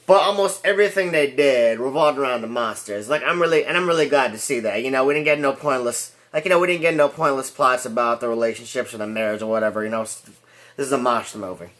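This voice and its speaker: A man's voice: mid-range voice, fast talker, a bit bright. A man giving a rambling casual movie review, full of restarts and fillers and laughing at his own jokes.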